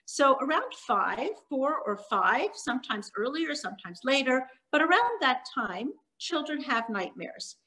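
A middle-aged woman from Montreal, a children's author, giving a talk from her living room over a laptop webcam, with frequent ums and pauses. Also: sits high, sing-song, pushed and bright, poor audio. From Canada (Montreal), born in Hungary. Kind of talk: presentation on a video call. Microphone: laptop webcam on a video call.

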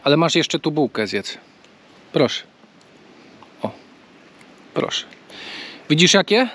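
A man's voice: a little high, very animated, unhurried, a bit bright. A man casually vlogging from a bike trail outdoors, talking in a chatty, easygoing way. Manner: chatty, coaxing talk to a bird. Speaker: travel vlogger. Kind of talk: casual travel vlog.

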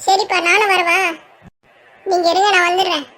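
A storyteller voicing cartoon village friends in a very high sped-up voice, trading lively banter. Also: normal speed.

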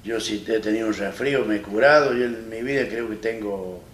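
A man in his fifties, speaking Argentine Spanish with a fairly low, slightly bright voice, tells his own story as an interview guest. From an armchair on a small studio set, he talks plainly and haltingly, restarting many times as he retells. The distant mic captures roomy echo and a faint hiss.

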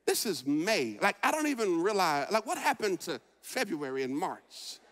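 A forties-aged pastor preaches at a normal speed, his high, ringing voice making big pitch swings as he shifts from shouted proclamations to soft, thoughtful passages. He leans on repetition of words and phrases to drive points home, and the long reverb of a big church sanctuary hangs on every line of the sermon.

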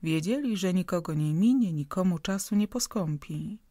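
A woman reading an audiobook in an even, measured narration on a close mic. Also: on the low side, no echo. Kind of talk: scripted narration.

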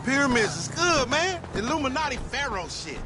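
A man's voice: very high voice, sing-song, normal speed. An actor playing a brash young male gangster in a video game, talking in boastful, slangy banter. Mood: mocking.

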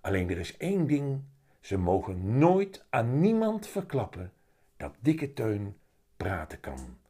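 A man reading a children's story aloud in a slow, lively storyteller's manner. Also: medium pitch, husky. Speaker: children's book reader.

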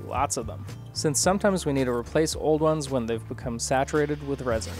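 Guy in his 30s doing calm vlog voice-over, soft music under it. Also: mid-range voice, fairly quick. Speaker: vlog host and narrator. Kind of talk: scripted voice-over narration.

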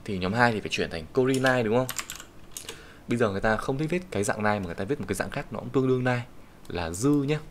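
A man with a Vietnamese accent teaching Japanese kanji in an online lesson, patiently explaining each reading and saying the Japanese example sentences slowly. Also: medium pitch, lively intonation. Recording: faint background hiss and keyboard typing.

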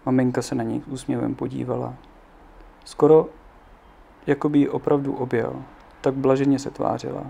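Gravelly dark-voiced man reading aloud. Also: mid-range voice, flat delivery. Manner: unhurried reading with offhand spoken asides. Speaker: narrator. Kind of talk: reading a children's book aloud.

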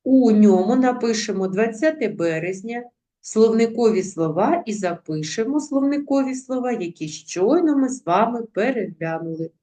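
A woman teacher giving a recorded lesson, speaking deliberately and spelling out word sounds one by one. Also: fairly high pitch, expressive, warm tone. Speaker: primary school teacher.

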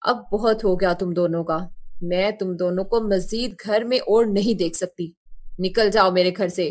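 A woman's voice: on the high side, fairly even intonation, a little slow, fairly bright tone. A woman voicing a cruel stepmother in a cartoon story, harsh and scolding. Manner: harsh, scolding, fawning to her own daughter.

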